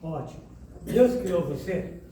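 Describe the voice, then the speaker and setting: A man's voice: on the high side, slow pace, distant mic. A man giving a spiritual lecture, quizzing his audience and joking with them. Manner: lively, questions the audience and jokes. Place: lecture hall. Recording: echoey room, speaker away from the mic, noise behind.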